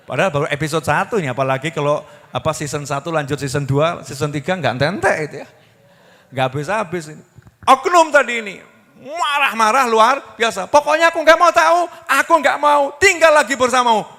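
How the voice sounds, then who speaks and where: A man preaching a sermon, telling an animated story with comic voices and questions to his audience. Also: a little high. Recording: reverberant hall.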